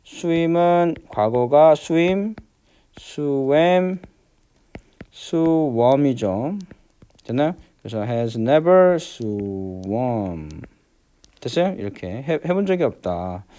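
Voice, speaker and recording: A man teaching an English grammar lesson, walking through exercises step by step and constantly asking whether students follow, stretching out the English words slowly. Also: medium pitch, big pitch swings, dark tone. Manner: repeats check-in questions, many fillers; slows down to spell out English words.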